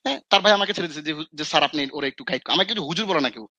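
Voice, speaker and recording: Bright, high-voiced Bangladeshi man telling stories. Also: rapid-fire, no room sound. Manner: animated storyteller, acts out scolding quotes, mixes in English phrases. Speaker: Islamic scholar and mentor. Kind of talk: casual podcast talk.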